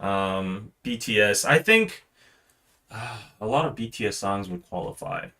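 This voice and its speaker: Bright-voiced man co-hosting a casual news chat. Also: lowish voice, lively intonation, measured pace. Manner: thinks aloud with frequent fillers and restarts. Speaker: co-host.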